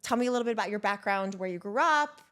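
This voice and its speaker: A woman's voice: medium pitch, lively intonation, racing, fairly bright tone. A woman hosting a podcast interview, effusive and enthusiastic with frequent fillers. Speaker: podcast host.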